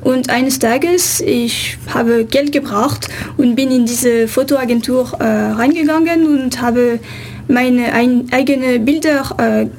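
A woman's voice: fairly high pitch, takes it slowly, darkish tone, a little hiss or hum. A woman photographer from France with a French accent, answering radio interview questions in hesitant, non-native German with frequent fillers.

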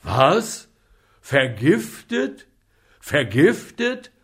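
A man voicing a furious, blustering older male pharmacist in a storybook reading, loud and outraged. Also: fairly high pitch, takes it slowly.

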